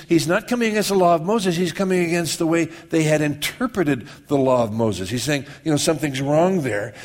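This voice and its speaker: A man with a slightly raised speaking pitch preaches in a conversational teaching style. He often restarts phrases and pauses to ask whether his listeners are with him. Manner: repeats and restarts words while explaining. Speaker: pastor. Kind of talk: sermon.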